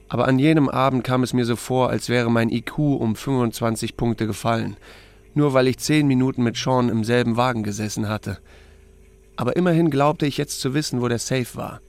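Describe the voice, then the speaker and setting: Voicing a small-town sheriff's first-person audiobook, a man narrates in a mid-range, darkish voice at a fairly quick pace, with no echo. The scripted telling includes acted dialogue, delivered dry, laconic and understated.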